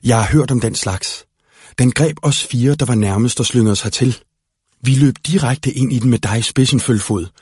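A man's voice: medium pitch, a little mellow, slightly rough, dry recording, clean studio sound, natural voice. A man voicing an eager, earnest young male knight in a read-aloud storybook. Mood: scolding.

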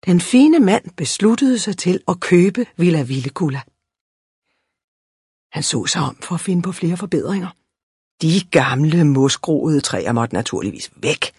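A narrator giving an expressive, lively storybook reading aloud. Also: medium pitch, breathy edge, dry recording, studio quality.

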